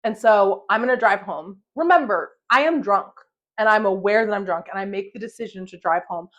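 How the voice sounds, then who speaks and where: A woman's voice: mid-range voice, fairly quick, a bit bright, highs cut off. A young woman hosting a podcast, telling a story in casual chat, swearing and laughing often. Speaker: podcast host.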